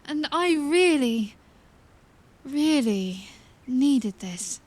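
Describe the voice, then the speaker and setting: A woman's voice: high voice, animated, very slow, exaggerated voice. A woman playing a young, impulsive princess who pleads earnestly and hesitates in an audio drama. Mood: pleading.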